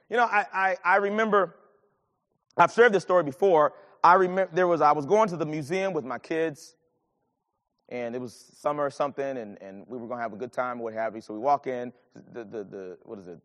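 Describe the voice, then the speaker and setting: A man preaching a sermon and telling a personal story, swinging from low murmurs to loud bursts. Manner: animated, swings from low murmurs to shouted lines. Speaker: pastor. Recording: long hall reverb.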